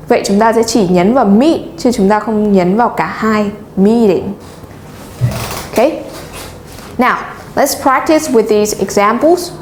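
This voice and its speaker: Woman teacher, slow and deliberate, stressing key words, recorded in a roomy space. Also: on the high side, darkish tone, slight background noise. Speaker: English teacher. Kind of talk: bilingual pronunciation lesson. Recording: echoey room, faint ambience.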